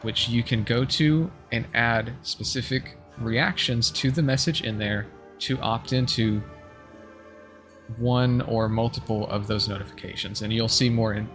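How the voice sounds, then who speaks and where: A man's voice: fairly low pitch, steady tone, normal speed, a bit bright, soft background music. A man giving casual announcements as a live streamer, rambling a little and restarting his sentences to correct himself. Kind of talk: casual livestream announcements to viewers.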